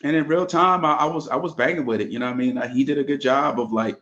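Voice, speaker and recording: A man's voice: mid-range voice, fast talker, a bit bright. Man with a dull lo-fi mic, reflective. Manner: reflective and meandering, many fillers. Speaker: podcast co-host. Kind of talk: casual podcast chat about hip hop.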